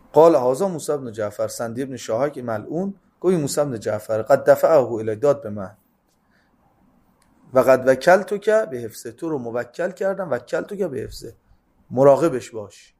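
A man giving a religious talk. He reads out classical Arabic lines and then retells them in relaxed, colloquial speech, jumping between loud, stressed phrases and soft, quick asides. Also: mid-range voice. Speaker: religious lecturer. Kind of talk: sermon-style hadith storytelling.

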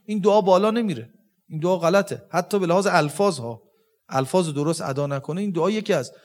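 A man giving a religious lecture, explaining step by step, quoting Arabic verses and asking rhetorical questions. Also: sits high. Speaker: religious teacher.

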